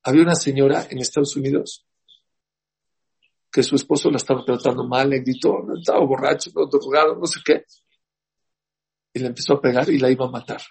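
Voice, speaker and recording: A man's voice: mid-range voice, steady tone, a little fast, pauses often, darkish tone, slightly rough, low-quality recording. A man giving a rabbi's class, telling stories and putting questions to his listeners. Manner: storytelling, asks the class questions. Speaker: rabbi teaching a Torah class. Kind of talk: lively religious class talk.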